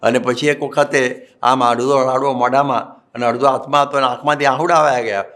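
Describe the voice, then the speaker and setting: Male monk, Gujarati accent, sermon storyteller, quotes and verses, mid-pitched voice. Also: steady tone, brisk, a bit bright. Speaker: monk preacher. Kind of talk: Gujarati religious discourse.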